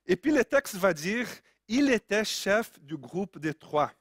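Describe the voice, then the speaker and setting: Brazilian-accented male preacher, high and unhurried. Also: very animated, fairly bright tone, breathy edge, no room sound, clean studio sound. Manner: repeats phrases for emphasis, earnest. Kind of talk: sermon.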